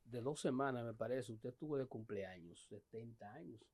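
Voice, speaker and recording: A man's voice: medium pitch, lively intonation, moderate pace, darkish tone, no echo. A man, putting questions formally and respectfully as a podcast interviewer.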